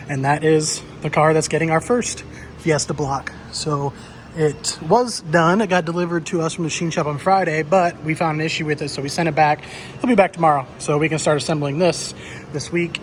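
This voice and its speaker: A man with a slightly high voice gives an off-the-cuff video tour of a car shop. He is blunt and offhand and swears freely. There is some background noise from the shop around him. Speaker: car shop owner giving a walkaround tour. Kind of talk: casual unscripted video tour. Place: busy car workshop, walking among cars.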